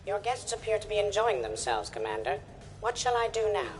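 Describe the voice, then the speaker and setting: Woman voicing polite robot servant, lively pitch. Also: fairly quick, soft background music, natural voice. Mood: obliging. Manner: formal, deferential. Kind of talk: video game dialogue.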